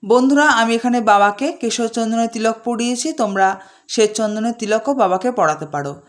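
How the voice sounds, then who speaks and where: A woman calmly guiding a home worship ritual step by step, slowing to chant short Sanskrit-style mantras between her instructions. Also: fairly high pitch. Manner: calm, measured, slows down to chant mantras. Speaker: puja instructor.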